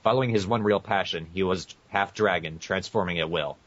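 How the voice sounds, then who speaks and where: This podcast co-host has a low voice and a brisk delivery, chatting casually with the others and sometimes reading aloud. The recording is dry, muffled lo-fi internet podcast audio.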